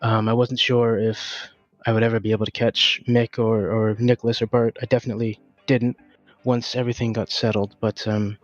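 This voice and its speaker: A racing driver, out of breath, answering post-race interview questions in a candid, hesitant way with many fillers. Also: male voice, on the low side, little pitch movement, fairly quick, dry recording, lo-fi sound, faint music behind.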